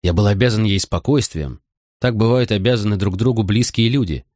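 A man narrating an audiobook in the first person, with measured, even storytelling. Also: fairly low pitch, no echo, clean studio sound.

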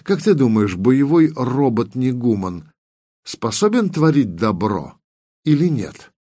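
A man's voice: medium pitch, sing-song, takes it slowly, warm tone, dry recording, clean studio sound. A man reading the part of a wry, smirking security officer in an audiobook, musing and lecturing.

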